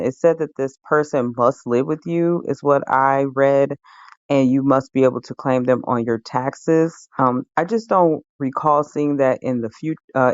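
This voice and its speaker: A man speaks in a recorded voicemail, asking his question haltingly with many pauses and ums. The sound is dull and lo-fi, with no room echo at all. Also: medium pitch. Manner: hesitant, frequent ums. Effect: recorded voicemail message. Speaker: caller.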